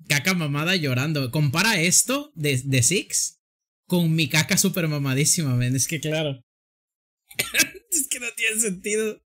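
A man's voice: fairly high pitch, fairly bright tone. A man streaming a drawing game, joking, exclaiming and laughing often. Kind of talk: casual gameplay commentary.

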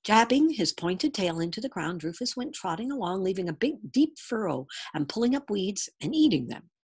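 Brief: woman storybook reader, husky voice, lively swooping pitch. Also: moderate pace. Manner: expressive, animated storytelling. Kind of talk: picture-book read-aloud.

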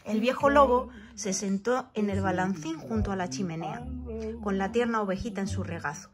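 A woman's voice: medium pitch, normal speed, a crowd in the background. Woman reading a children's story aloud. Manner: expressive, varied delivery.

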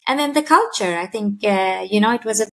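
On a video call interview, a woman in her thirties from Sweden speaks in an expressive, slightly bright mid-range voice at a brisk pace. She's thoughtful but uses many fillers, talking from an indoor room by a window through a laptop or webcam mic.

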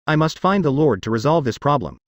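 A man's voice: a little high, sing-song, fairly quick, no room sound, clean studio sound. A man voicing an anxious, loyal male cultivator who speaks to his lord respectfully. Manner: respectful, deferential.

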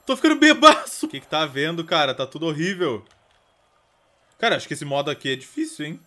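A man with a Brazilian Portuguese accent giving let's play commentary as a gaming streamer, swearing constantly and breaking into loud outcries. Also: on the high side, quick pace. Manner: profane, excitable, bursts into loud outcries.

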